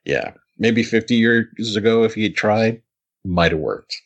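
A man's voice: fairly low pitch, measured pace, husky, highs cut off. A man co-hosting a podcast, chatting casually as he recaps an episode, laughing often and restarting his sentences. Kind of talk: casual chat.

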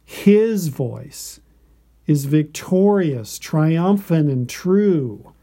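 A man giving a scripted devotional narration in a slow, deliberate and reverent manner. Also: a little high, expressive, warm tone.

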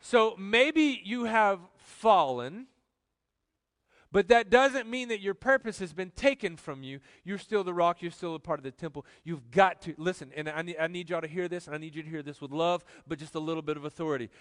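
A man preaching a sermon as pastor, animated, swinging from loud emphasis to quiet joking asides. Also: fairly high pitch, brisk, no echo.

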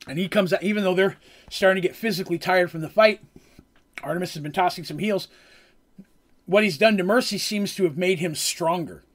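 Acting as game master, a man with a fairly high voice recaps a tabletop role-playing battle at a fairly quick pace. He rambles casually, correcting himself along the way and filling gaps with "um."

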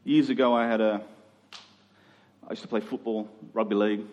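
A man from Queensland, Australia, preaches to a congregation in a large room in a voice on the low side, a little mellow, fairly quick and fairly even in intonation. His sermon is earnest and conversational, with repeated phrases for emphasis. The muffled recording comes from an echoey hall with long reverb.

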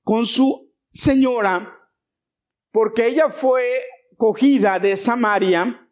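A man preaching a sermon as pastor, animated, asking his congregation questions and swinging between loud and soft. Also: very high voice, slow. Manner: animated preaching, rising and dropping in volume. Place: church.

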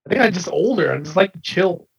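A man's voice: high-pitched, animated, fairly quick, gravelly, lo-fi sound, slight background noise. A man in his thirties talking casually on a podcast, rambling with restarts and swearing a lot. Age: 30s.

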